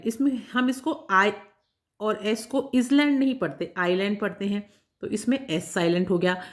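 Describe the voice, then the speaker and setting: A woman teacher taking schoolchildren through a workbook lesson, patiently spelling words out letter by letter and checking they follow along. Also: fairly high pitch. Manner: addresses children directly, checking understanding. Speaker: English teacher.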